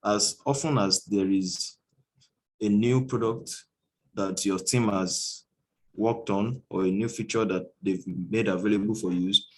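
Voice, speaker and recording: A man answering in an online class, explaining in a measured way with occasional fillers. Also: fairly low pitch, steady tone, darkish tone, rough recording. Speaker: student.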